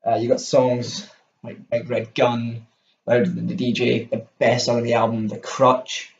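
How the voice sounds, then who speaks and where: In lo-fi sound with slight background noise, a young Scottish music vlogger with a Scottish accent rambles enthusiastically through a casual album review to camera. His medium-pitched voice is gravelly, monotone and unhurried.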